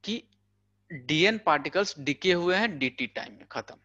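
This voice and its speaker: Chatty man teaching physics, bright voice. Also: fairly high pitch, lively intonation, normal speed, no room sound, highs cut off. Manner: chatty, peppers talk with "thik hai" and "bhai"; explains with everyday money examples. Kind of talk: casual Hindi lecture for exam prep.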